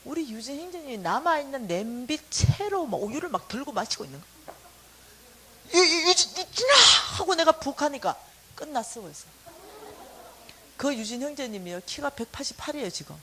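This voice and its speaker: A woman's voice: fairly high pitch, brisk, low-quality recording. A middle-aged woman, a church staff lecturer, telling a personal testimony in a sermon style and acting out the quotes. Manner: animated storytelling, acting out quotes. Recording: faint hiss.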